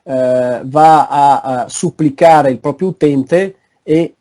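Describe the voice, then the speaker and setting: A man giving an online academic lecture over a video call, pausing often to search for words. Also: a little high, dark tone. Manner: halting, frequent searching for words.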